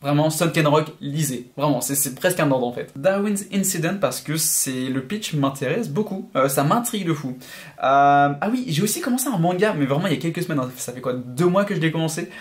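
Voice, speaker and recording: A man's voice: fairly high pitch, lively intonation, a little fast. A young man talking casually and enthusiastically in a vlog, rambling with many fillers and restarts. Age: young adult. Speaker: YouTuber.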